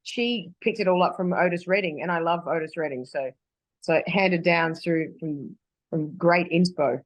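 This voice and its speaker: A singer from Australia with a lowish voice talks at normal speed in a casual video-call interview, rambling and restarting often with plenty of fillers. The audio is poor but has no echo.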